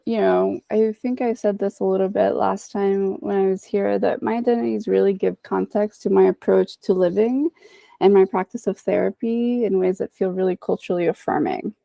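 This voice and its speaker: A woman's voice: mid-range voice, vocal fry, warm tone, no room sound. A woman in her thirties from the Republic, speaking reflectively as a guest psychologist in a podcast interview. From Dominican Republic. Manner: reflective, often adds "right?" and "you know".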